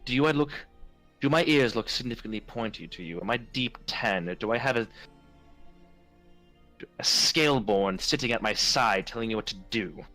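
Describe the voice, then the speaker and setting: A man's voice: medium pitch, expressive, moderate pace, sharp tone, soft background music. A man voicing a haughty, cold noble official in a tabletop game who talks down to others with contempt. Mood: scornful. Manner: contemptuous, insulting tirade.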